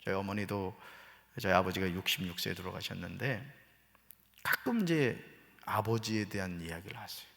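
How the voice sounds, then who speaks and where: A middle-aged pastor with a low, gravelly voice preaches at normal speed, his words echoing through the church hall. Humorous and animated, he teases the congregation and performs quoted voices before growing serious.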